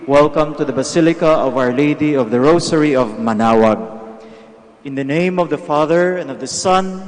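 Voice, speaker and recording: A man, a priest, leading mass prayers in a slow, measured recitation inside a large basilica, his voice ringing in a cathedral echo. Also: a little high. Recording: long church reverb, broadcast mass with faint music.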